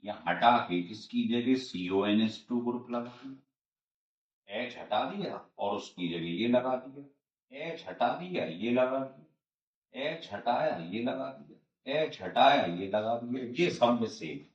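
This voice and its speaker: Taking his time, this man speaks in a mid-range voice with lively intonation. He's lecturing a chemistry class, explaining every step repetitively and answering his own questions, captured in a roomy, distant, dull-sounding recording.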